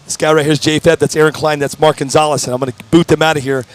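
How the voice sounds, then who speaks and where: A talkative man hosts live interviews at a racing event. His voice sits a little high, and he talks in an eager, promotional way. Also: level tone, quick pace. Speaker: host.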